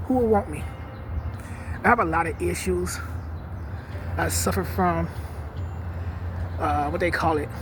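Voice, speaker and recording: A man in his late fifties talking outdoors in a sad, earnest, confessional way. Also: sits high. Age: 50s. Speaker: vlogger. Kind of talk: personal reflective monologue. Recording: music playing under the voice.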